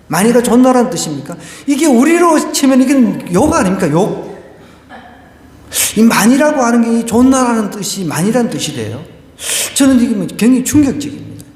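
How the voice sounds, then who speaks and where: A man's voice: sits high, a little mellow. A male pastor giving a conversational sermon, asking the congregation questions and telling a humorous story. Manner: conversational preaching with rhetorical questions and a told joke. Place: church sanctuary. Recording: echoey church hall.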